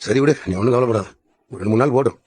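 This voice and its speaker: A middle-aged man playing the father in a TV family drama, speaking in a gruff, fatherly way. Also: mid-range voice, rapid-fire, a little mellow, close to an everyday voice. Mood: puzzled. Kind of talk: TV serial acting.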